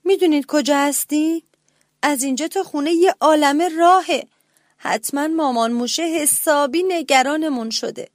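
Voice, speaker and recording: A woman's voice: sits high, no echo, studio quality, pitched above the performer's own voice, close to an everyday voice. A woman voicing a small, timid young mouse child who asks earnestly and pleads.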